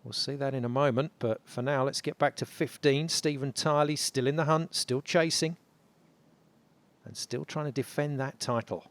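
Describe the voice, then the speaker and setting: A man commentating on tournament golf, building drama in short, measured phrases. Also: mid-range voice, steady tone.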